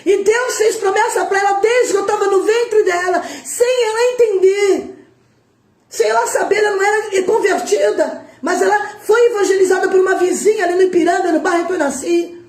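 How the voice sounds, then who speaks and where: A middle-aged Brazilian woman preaching an emotional Pentecostal sermon, impassioned, shouting and tearful at times. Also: very high voice, moderate pace, echoey room. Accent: Brazilian Portuguese.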